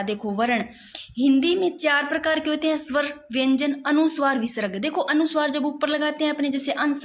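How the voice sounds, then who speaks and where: A young woman teaching Hindi grammar in a casual, insistent way, often saying "look" as she writes out examples. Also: sits high. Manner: repeats "dekho" often, insistent and explanatory, writes while talking. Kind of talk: casual classroom explanation.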